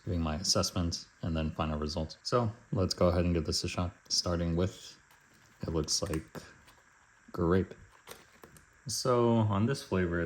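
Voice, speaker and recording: A man giving a casual taste-test review of candy in a measured, matter-of-fact way. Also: sits low, darkish tone. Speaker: food reviewer.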